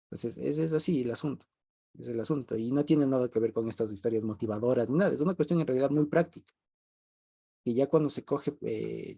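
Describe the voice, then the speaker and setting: A man's voice: mid-range voice, warm tone, slightly rough. A man leading an informal group Bible study, talking conversationally, repeating his main points and chuckling often.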